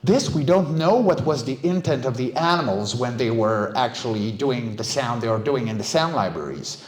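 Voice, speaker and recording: A middle-aged man, a vocal stunt performer and director appearing as a guest speaker, gives a casual conference talk in an echoey room. His mid-range voice has lively intonation at a normal speed, and he's conversational and emphatic, often checking in with listeners, in a roomy live recording.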